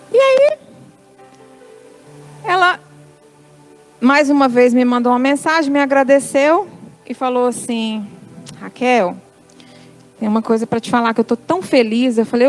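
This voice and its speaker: A woman's voice: high-pitched, rough recording. A middle-aged woman with a Brazilian Portuguese accent giving a church testimony, telling a story and acting out the dialogue in quoted lines.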